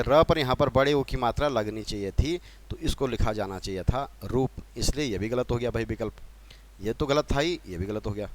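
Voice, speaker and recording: Standing at a board, a patient teacher from Uttarakhand goes over a spelling lesson, repeating the key points and quizzing the class. He has a mid-range voice and an Uttarakhand Hindi accent, captured in a dry recording.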